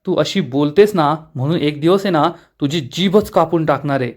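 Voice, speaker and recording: Man voicing cranky old granny, high and scolding, taunts. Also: moderate pace, natural voice. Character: grumbling sharp-tongued old grandmother.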